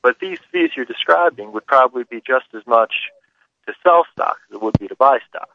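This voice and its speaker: A man's voice: mid-range voice, lively intonation, fairly quick, slight background noise. A man calling in to a radio show over a phone line, asking curious follow-up questions. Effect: caller heard over a phone line. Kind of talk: call-in question.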